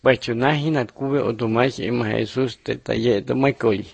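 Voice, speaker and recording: A man's voice: mid-range voice, moderate pace, vocal fry, husky, no echo. Man narrating religious lessons, dry sound. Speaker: narrator of Bible picture lessons.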